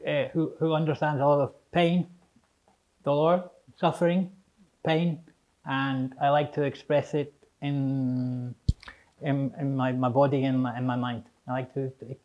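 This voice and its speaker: A middle-aged man with a Scottish accent and slightly slurred, toothless articulation, speaking reflectively and haltingly in an interview, often repeating phrases. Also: fairly high pitch, darkish tone, lo-fi sound. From Edinburgh, Scotland. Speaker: interviewee, English teacher.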